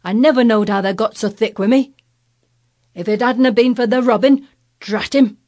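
A woman voicing an angry old gardener who shouts at a girl in broad dialect. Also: on the high side, moderate pace, voice pushed up, natural voice. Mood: outraged. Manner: shouting, dialect-heavy scolding.

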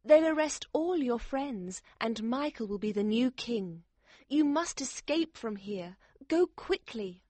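A woman's voice: a little high, lively intonation, slow, warm tone, no echo. A woman voicing a pale, nervous young woman who speaks urgently and anxiously. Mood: urgent warning.

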